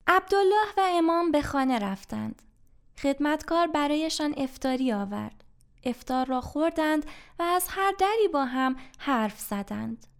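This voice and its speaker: A woman narrating a storybook tale in a calm, steady reading voice. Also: high-pitched.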